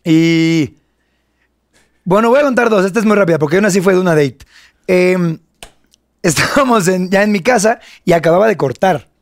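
A man's voice: sits high, moderate pace, long pauses, no room sound, clean studio sound. A man in his thirties with a Mexican Spanish accent, co-hosting a casual chat and telling a self-mocking story full of slang. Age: 30s.

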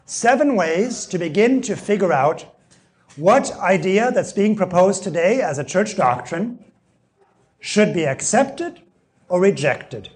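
A man with a high-pitched voice lectures to an evening audience on theology. His voice is going hoarse, and he keeps clearing his throat. He works through his points by restating key phrases and checking in with "see?". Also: big pitch swings, slow, darkish tone.

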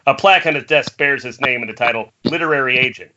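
Over a muffled, click-ridden group internet call from home, a man reads out the stage directions of a screenplay as the table read's narrator. He talks fast, with a medium pitch and a sharp edge to his voice.

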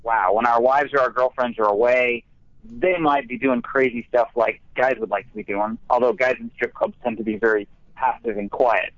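A man chats casually as a call-in guest on a radio show. His voice is mid-pitched. The sound is very dry and a little dull. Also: steady tone, normal speed, no room sound.

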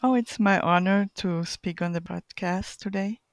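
A woman's voice: fairly low pitch, moderate pace, no echo, clean studio sound. Middle-aged woman from Chile and Colombia. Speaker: guest catechist. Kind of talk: casual interview.

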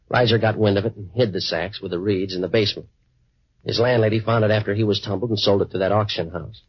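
An actor playing a wisecracking American private eye in a 1940s radio noir, deadpan and clipped. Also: male voice, sits low, slightly rough, dry recording. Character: hard-boiled wisecracking male waterfront private eye. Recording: dry, muffled 1940s radio recording.

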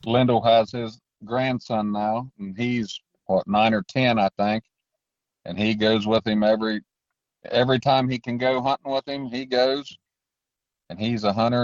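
A man's voice: lowish voice, steady tone, moderate pace, dry recording, muffled recording. A man telling stories casually in a folksy, rambling way as an interview guest. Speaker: interview guest, raccoon hunter. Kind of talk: casual storytelling.

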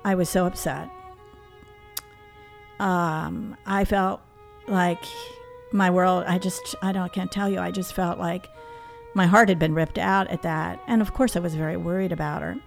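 A middle-aged woman, a therapist, telling a personal story in an interview in a reflective, halting way. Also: fairly low pitch, steady tone, gravelly, faint music behind.

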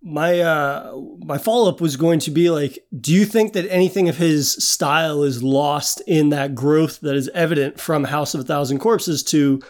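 A young man with a fairly high voice talks through a film in a relaxed chat. He thinks aloud in long, winding sentences padded with fillers and asides. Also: moderate pace, few pauses. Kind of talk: casual film discussion.

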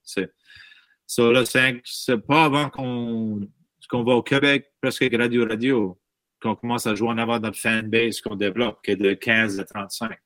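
A man in his thirties from Baie Sainte-Marie, Nova Scotia, speaks with an Acadian French accent as a musician guest in a casual interview chat, telling stories in a lively way and mixing English words into his French. His voice is medium-pitched and measured in pace, with no room sound.

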